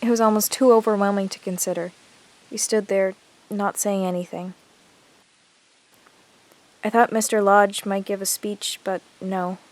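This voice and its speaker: In a low-quality recording with music underneath, an actress narrates a diary as an earnest teenage girl in a zombie audio drama, her mood grieving and reflective. She speaks naturally in a steady mid-range voice, a little slowly, leaving long pauses as she confides.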